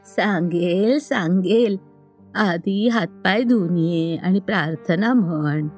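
A loving old grandmother from a storybook, as a woman narrator puts her on, pitched lower and slow. She speaks softly and soothingly. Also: faint music behind. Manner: soft and soothing.

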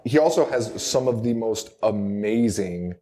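A man's voice: on the low side, measured pace. A man co-hosting a podcast, joking informally through a casual movie recap. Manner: informal, joking, animated retelling. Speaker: podcast host.

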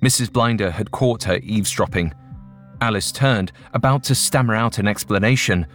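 A man narrating a ghost story in a measured, suspenseful storytelling manner. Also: on the low side, fairly bright tone. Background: faint music.

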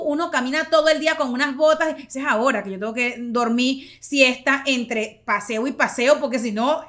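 A woman in her forties hosts a podcast, telling stories in a casual, chatty, playful monologue and laughing often. Her voice is high, pushed and bright.

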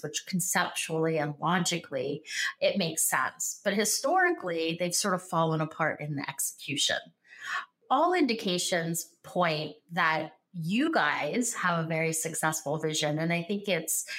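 A woman's voice: on the low side, fairly bright tone. A woman hosting an interview, asking questions and reflecting in a conversational, thoughtful way. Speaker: host, interviewer.

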